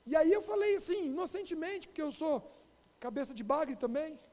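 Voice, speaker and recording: High-voiced Brazilian pastor in a reverberant hall. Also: male voice, normal speed. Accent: Brazilian Portuguese. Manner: animated, addresses the congregation directly. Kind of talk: storytelling sermon. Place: church. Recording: long reverb of a church hall.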